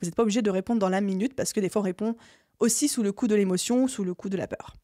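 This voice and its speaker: A young woman hosts a solo business podcast, walking listeners through her methods step by step. Her voice is mellow and warm, recorded close in a dry, quiet room. She coaches in a clear, structured way, leaning on key words. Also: mid-range voice, racing, dry recording. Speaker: podcast host. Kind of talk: solo podcast advice talk.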